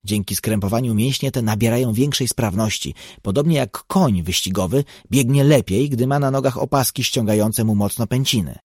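A man reading an audiobook, voicing a seasoned tracker who explains and warns in a measured way. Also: mid-range voice, slightly rough, dry recording, clean studio sound. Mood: explaining. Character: seasoned grave male tracker, guide.

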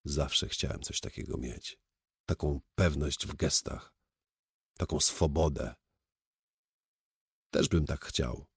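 A man's voice: extremely low pitch, slow pace, creaky, pauses often, breathy edge, no room sound, clean studio sound. A man reading a first-person audiobook in a wry, sardonic storytelling manner. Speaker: audiobook narrator.

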